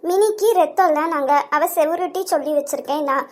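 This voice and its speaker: A woman's voice: high-pitched, fairly quick, darkish tone, lightly acted. A woman voicing a bossy old Kanyakumari grandmother. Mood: scolding. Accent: Kanyakumari Tamil. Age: older. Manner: blunt, scolding, sets the rules. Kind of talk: cartoon voice acting.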